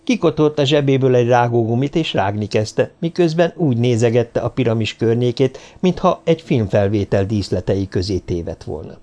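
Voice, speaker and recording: A man's voice: mid-range voice, lively intonation, hardly any pauses, warm tone. Man narrating an audiobook.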